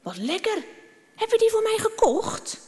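A woman's voice: extremely high pitch, very animated, a little slow, mellow, big-room sound, pitched above the performer's own voice, heavily acted. A woman doing a sweet young girl. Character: sweet young girl who owns a puppy.

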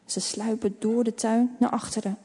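A woman's voice: fairly high pitch, little pitch movement, normal speed, warm tone, slightly rough. Woman reading a children's story, reverberant. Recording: long reverb.

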